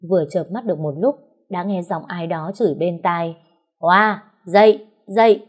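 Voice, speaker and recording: A woman narrates a first-person story in a steady, measured way. Her voice sits on the lower side, and she reads the story plainly. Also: breathy edge.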